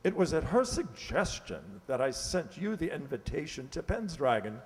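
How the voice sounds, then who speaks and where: In a radio play, an actor portrays a flustered middle-aged English lord and father, hesitant, fussy and stammering. His voice is a little high and very animated, at a moderate pace. It was recorded in an echoey hall with long reverb.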